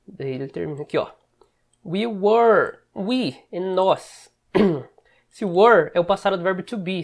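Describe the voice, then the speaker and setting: A Brazilian man teaching English in a casual lesson, explaining step by step and often checking in with short asides. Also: high voice. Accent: Brazilian Portuguese. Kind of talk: casual screen-share lesson.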